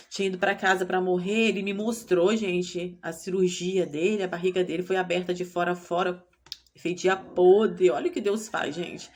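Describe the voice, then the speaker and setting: A young Brazilian woman telling her personal faith testimony in a tearful, emotional way, often calling out to her listeners. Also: mid-range voice. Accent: Brazilian Portuguese. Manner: tearful, addresses listeners as "gente". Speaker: testimony speaker.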